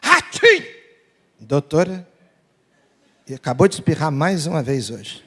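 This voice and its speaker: A man's voice: a little high, expressive, normal speed, a little mellow. A male pastor preaching a sermon in a church, telling humorous family stories and acting out the dialogue. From Brazil. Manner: storytelling, humorous, acts out dialogue. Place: large church sanctuary. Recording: long church hall reverb.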